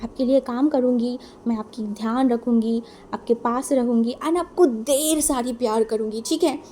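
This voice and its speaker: A woman's voice: a little high, normal speed, mellow, slight background noise, close to an everyday voice. A woman voicing a devoted young man in a storybook romance, eager and reassuring as he promises to care for his partner.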